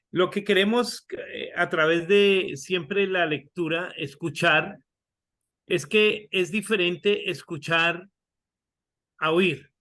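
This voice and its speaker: Slow, high-voiced man teaching a Bible class. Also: bright, forceful tone. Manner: slow, repeats words and restarts, asks the class questions. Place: video call.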